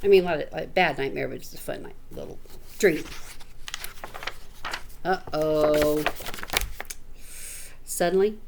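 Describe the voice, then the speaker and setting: This middle-aged teacher has a low, gravelly voice, speaks slowly, and pauses often, with background noise present. Reading a picture book to children, she stays animated and chatty, explaining words along the way.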